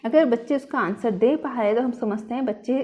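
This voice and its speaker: A woman with a fairly high voice lectures like a teacher in a classroom. She explains each point step by step. She reads English phrases slowly in an Indian English accent, then restates them in plainer words. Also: lo-fi sound. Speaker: teacher explaining a lesson plan.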